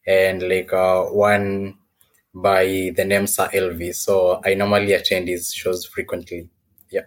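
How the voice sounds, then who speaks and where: Very deep, even-toned Kenyan man. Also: measured pace. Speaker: podcast guest, technology professional. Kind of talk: casual interview answers.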